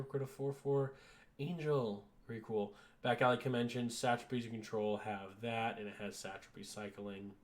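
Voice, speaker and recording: A man's voice: medium pitch, fairly bright tone. A man going through a card list in casual commentary, reading rules text and reacting in an offhand, dry way. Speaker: card reviewer.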